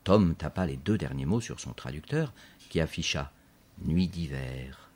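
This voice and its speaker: A man reading a children's story aloud in a measured, clear narration. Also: a bass voice, animated, darkish tone.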